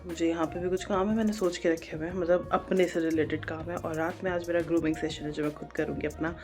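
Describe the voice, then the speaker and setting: A woman from India vlogging in a casual, chatty way. She mixes English phrases into her Hindi and tries to keep her pace slow and calm. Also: lowish voice, soft background music. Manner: tries to talk slowly and calmly. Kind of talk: casual vlog chat to camera.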